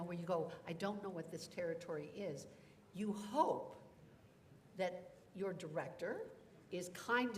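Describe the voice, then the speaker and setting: Voice actor panelist, a woman with a lower voice, sincere and encouraging with a live audience. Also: slight background noise. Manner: earnest, encouraging, speaks to the audience. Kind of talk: convention panel talk.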